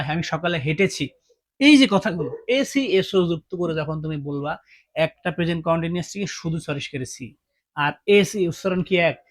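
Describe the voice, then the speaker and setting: A man's voice: a little high, fairly bright tone. A man teaching English grammar, asking his students questions and repeating each point. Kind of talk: classroom-style grammar lesson.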